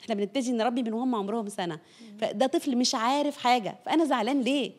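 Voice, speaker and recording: An earnest woman with an Egyptian Arabic accent explains parenting in a conversational teaching talk. She speaks at a rapid clip in a slightly high voice. She circles back over her points to make them stick.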